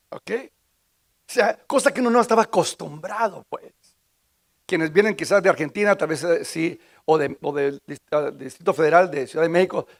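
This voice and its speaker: A man's voice: fairly high pitch, creaky. A man from Guatemala, preaching a sermon in a conversational way, asking the congregation questions and often repeating and restarting words. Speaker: pastor.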